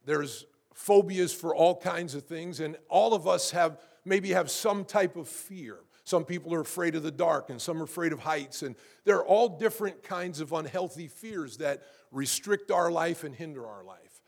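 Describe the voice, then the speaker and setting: A man's voice: normal speed, gravelly. A man preaching a sermon to a congregation. He keeps asking them how many know, and he repeats words as he builds up. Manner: rises in pitch and volume to preach with force. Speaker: pastor.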